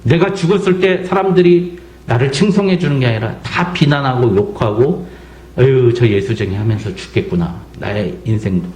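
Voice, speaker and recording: A man's voice: medium pitch, normal speed, darkish tone. A middle-aged man from South Korea preaching a sermon as pastor, acting out quotes and asking the congregation pointed questions. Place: church sanctuary. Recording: echoey church sanctuary.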